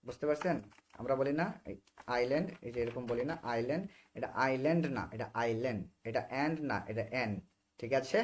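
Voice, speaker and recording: A man's voice: medium pitch, fairly quick. Bangladeshi man teaching English online. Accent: Bangladeshi Bengali. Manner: explains by repeating short phrases, checks understanding often. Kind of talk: online spoken English class. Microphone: video call.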